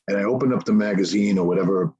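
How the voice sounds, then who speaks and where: A man's voice: lowish voice, racing, mellow, husky, dull audio. A man hosting a podcast, chatting casually and reminiscing with enthusiasm. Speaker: podcast host. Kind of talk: casual chat.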